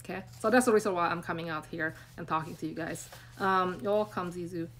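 This brand coach, an Indonesian woman in her forties, talks quickly in a low-leaning, fairly bright voice, with slight background noise. She rambles unscripted to live-stream viewers from a small room, phone held at arm's length, sounding earnest and encouraging and using plenty of fillers.

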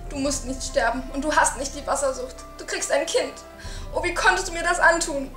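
Amateur drama: young woman playing an anxious, reproachful mother, high-pitched and insistent, in an echoey room with faint music. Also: brisk, fairly bright tone. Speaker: amateur actor.

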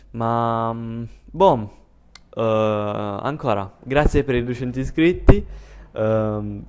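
Young man, medium pitch, casual YouTuber chat, unscripted, hesitant, rambling, self-effacing. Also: a little mellow. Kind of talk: casual, unscripted video update.

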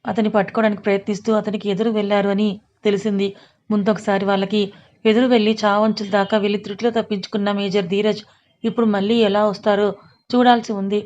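Woman storyteller with a flat, even voice. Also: medium pitch, lo-fi sound. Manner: steady storytelling narration. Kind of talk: reading a serialized story aloud.

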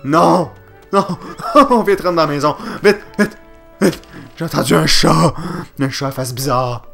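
A man with a Quebec French accent doing let's play commentary, excitable and jokey, swearing and yelping at the game. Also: fairly high pitch, moderate pace, vocal fry, soft background music.

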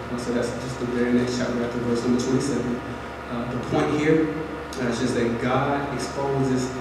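Young male preacher in an echoey sanctuary. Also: mid-range voice. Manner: earnest, preacherly, with repetitions and direct appeals. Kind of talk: sermon. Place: large church sanctuary. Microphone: pulpit mic, filmed from far back in the pews. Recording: echoey hall from far off, audible noise.

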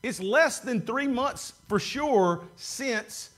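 A man's voice: very high-pitched, animated, takes it slowly, fairly bright tone. A man preaching a sermon from the pulpit in a church sanctuary, talking in a conversational way and drawing words out for emphasis, picked up by a camera at the back of the room. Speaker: pastor. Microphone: far camera at back of room.

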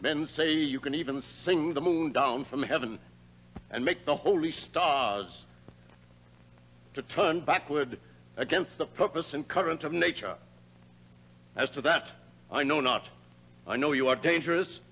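An actor playing a stern, powerful king who speaks in a measured, commanding way in 1950s stage tragedy style. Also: fairly high pitch, fairly bright tone, rough recording.

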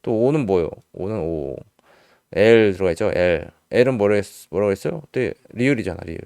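A man teaching English spelling in Korean, slowly spelling out letters and repeating each sound patiently. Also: on the low side, animated, darkish tone, clean tone, no room sound, clean studio sound. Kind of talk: casual spelling lesson.

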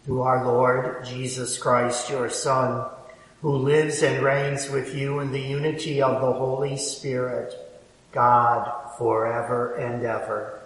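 A man leading Mass as a priest, intoning the liturgical prayers in a slow, measured way, heard with a cathedral echo. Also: medium pitch, little pitch movement. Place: large cathedral, indoors. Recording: echoey cathedral from far off.

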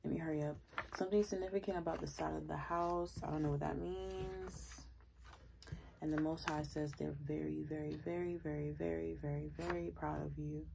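A woman's voice: low-pitched, fairly even intonation, normal speed, creaky, noisy background. A woman giving a casual tarot reading to her viewers, blunt and full of cursing, her voice sounding off from its usual self, recorded on a phone. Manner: blunt, cursing, repeats "all right?". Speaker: tarot reader.

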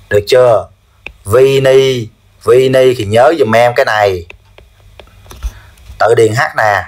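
A male chemistry teacher, drilling his class with repeated quick questions. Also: mid-range voice. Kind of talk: classroom lesson.

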